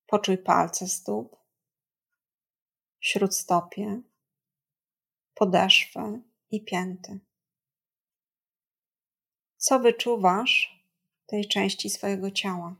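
Woman doing guided meditation, really slow n gentle, bit of creak in the voice, long pauses. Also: mid-range voice. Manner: gentle, calm, soothing, measured delivery with long pauses. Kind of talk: guided body scan meditation narration.

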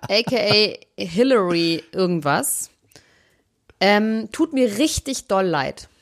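A woman co-hosting a casual chat, gossiping in a lively, chatty way. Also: medium pitch, slow pace. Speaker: podcast co-host.

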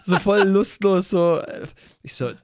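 A man's voice: sits high, steady tone, a little slow, dry recording, clean studio sound. A man co-hosting a casual podcast chat, telling a story and acting out the dialogue. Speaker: podcast co-host.

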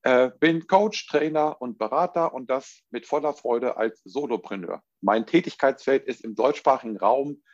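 German host and coach, husky, casual moderator, dull dry call sound. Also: male voice, medium pitch, moderate pace, few pauses, no echo. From Göttingen, Germany. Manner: relaxed, chatty moderation with fillers. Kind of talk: online launch event presentation.

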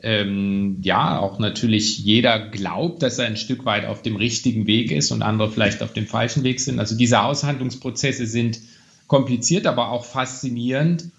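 A man's voice: mid-range voice, normal speed, creaky, lo-fi sound. A man, a museum director, answering podcast interview questions thoughtfully with many fillers and restarts.

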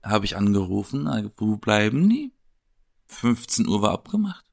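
A man's voice: on the low side, very animated, normal speed, creaky, darkish tone. A man co-hosting a podcast, telling a story casually and animatedly, swearing now and then. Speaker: podcast co-host.

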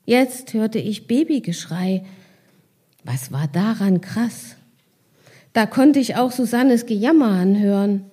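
A woman reading her own novel in calm, measured first-person narration, with casual asides in between. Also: mid-range voice, breathy edge.

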